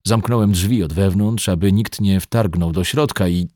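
A man's voice: sits low, normal speed, dry recording, studio quality, close to an everyday voice. A man voicing a cool, menacing middle-aged man. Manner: cool, controlled, quietly threatening. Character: 42-year-old man, calm yet menacing. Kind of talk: audiobook reading.

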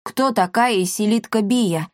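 A woman's voice: medium pitch, unhurried, dry recording, studio quality, lightly acted. A woman voicing a determined young boy who speaks earnestly and sternly. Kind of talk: audiobook character voice.

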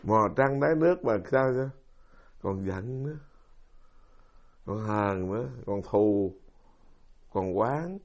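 A middle-aged Buddhist monk with a Southern Vietnamese accent gives a dharma talk filled with stories and rhetorical questions to his audience. His voice is lowish with lively intonation, slow, with long pauses, captured on a dull lo-fi recording.

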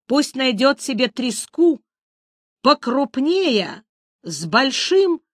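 A woman's voice: high-pitched, sing-song, slow, no echo, studio quality, voice pushed up, exaggerated voice. A woman voicing a haughty, hot-tempered male prince who barks commands. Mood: domineering. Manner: barking, domineering.

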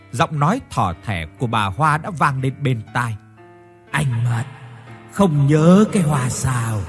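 A man narrating a horror story in a dramatic, expressive reading. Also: medium pitch.

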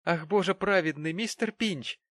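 A man voicing an affected, indignant young woman with a shrill, fussy manner. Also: expressive, moderate pace, fairly bright tone, no room sound, studio quality.

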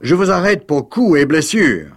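A man's voice: fairly low pitch, animated, measured pace, a little mellow, dry recording, studio quality. A man doing a commanding, imperious young woman. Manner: grave, commanding.

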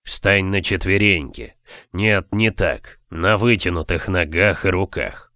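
A domineering husband who gives his orders slowly and deliberately, his words stretched out, as a male narrator puts him on. The voice sits fairly low. The recording is close and dry, with no room sound at all. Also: pushed and bright, no echo, full character voice. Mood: commanding. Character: domineering commanding husband, adult man.

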